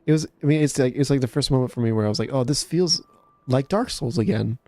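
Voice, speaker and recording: A man playing a video game and chatting casually, laid-back and rambling with frequent halting restarts. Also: mid-range voice, expressive, warm tone, dry recording. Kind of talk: casual let's-play chat.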